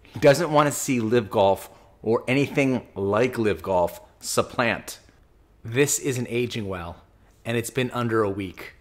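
A man in his forties hosts his own commentary show from a small home office. He argues his points with a sarcastic edge. His mid-pitched voice is picked up close by a studio mic. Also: measured pace. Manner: sarcastic, argumentative. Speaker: host. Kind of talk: opinionated commentary vlog. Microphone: studio mic on boom, close.

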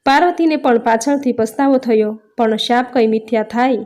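A woman narrating a religious tale from a script in a steady, expressive storytelling manner. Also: fairly high pitch, normal speed.

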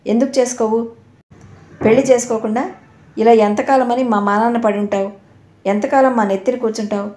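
A woman's voice: fairly high pitch, steady tone, fairly quick, pauses often, warm tone, natural voice. A woman voicing a middle-aged mother who talks in a coaxing, pressing way. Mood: angry. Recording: roomy echo.

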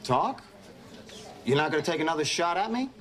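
A man's voice: a little high, very animated, brisk, over a noisy crowd. An actor playing a brash, hostile American man in his thirties in a sitcom, speaking bluntly and curtly. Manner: blunt, curt. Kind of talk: sitcom acting before a live audience. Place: busy cafe set. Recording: noisy sitcom soundtrack with audience.

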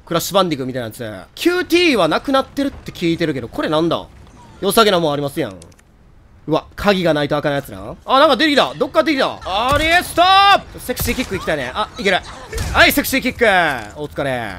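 A young man with a Kansai accent giving excitable, joking commentary on a game he is playing, with loud outbursts. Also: high-pitched, fast talker, slight background noise. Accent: Kansai Japanese. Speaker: gameplay commentator.

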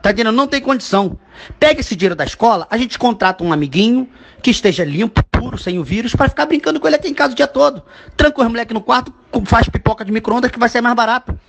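A man's voice: very high voice, lively intonation, fast, vocal fry, a bit bright, exaggerated voice. A man dubbing a crude, exasperated middle-aged father who rants in a comedic voice message and keeps asking if you understand. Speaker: comedy voice dubber.

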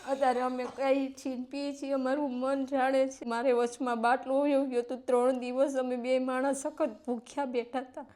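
A woman's voice: sits high, flat delivery, normal speed, few pauses, a little mellow. A woman, pleading for help in an interview and tearful at times. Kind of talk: emotional plea in an interview.

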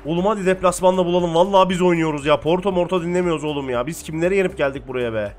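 Young man, fired-up play-by-play gaming commentary, higher-pitched voice, faint music behind. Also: very fast. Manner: shouts encouragement at his players, calls play-by-play. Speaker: gaming streamer. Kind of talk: excited football game commentary.

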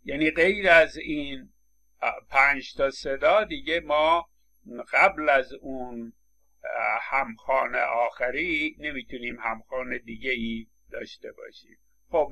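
Guy teaching a phonetics class, bright tense voice, lots of uh's as he explains. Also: medium pitch, creaky. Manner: explanatory, many hesitation fillers. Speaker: phonetics lecturer. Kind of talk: university lecture.

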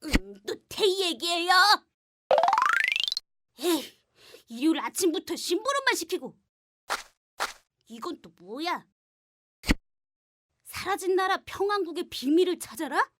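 A woman voicing an impatient young boy in an animated cartoon, whiny, cheeky and given to exclamations. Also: very high-pitched, unhurried, long pauses, noisy background, full character voice. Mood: grumbling.

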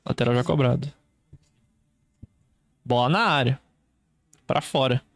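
A man's voice: medium pitch, measured pace, no echo. A man with a Brazilian accent doing live football play-by-play as a commentator, in short clipped running phrases.

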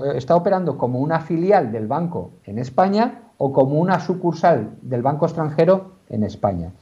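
Guy in his 40s, lawyer explaining stuff, lots of eh and restarts, mellow voice, muffled video call sound. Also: a little high. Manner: explanatory, hesitant, many fillers and restarts. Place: office. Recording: dull lo-fi video call audio.

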